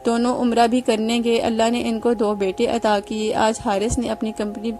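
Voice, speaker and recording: A woman narrating a moral story in a steady reading voice, with faint music behind. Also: a little high. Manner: steady, even reading with small restarts.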